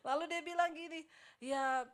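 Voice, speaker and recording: A middle-aged woman pastor preaching a sermon, telling a personal story in a chatty, lively way and joking with the congregation. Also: a little high. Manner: lively, chatty, jokes with the congregation, mixes in casual Jakarta slang.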